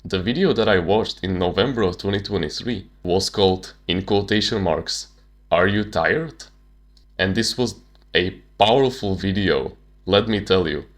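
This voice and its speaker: A deep-voiced young man whose first language is Slovak hosts a self-improvement channel. He tells a personal story at normal speed in a casual, slangy and candid manner.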